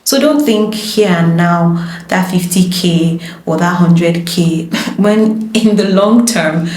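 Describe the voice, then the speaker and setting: A woman's voice: fairly low pitch, takes it slowly, darkish tone. A woman, a lawyer and voice-over artist, giving emphatic, passionate advice in a casual conversation. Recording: roomy echo.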